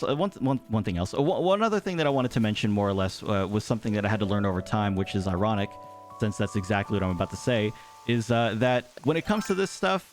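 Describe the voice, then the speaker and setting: A young man giving thoughtful, rambling advice in a casual talk over gameplay, with many fillers and restarts. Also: lowish voice. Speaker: gaming YouTuber.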